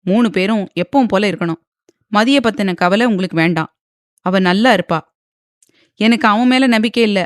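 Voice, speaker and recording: A woman doing a calm, firm, reassuring man. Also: mid-range voice, moderate pace, long pauses, dry recording, studio quality, close to an everyday voice. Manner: steady and reassuring.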